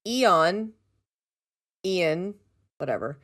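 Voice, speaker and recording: A woman co-hosting a podcast, recapping an episode in casual chat, animated and giggly with sarcastic asides. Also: lowish voice, drawn-out words. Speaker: podcast co-host.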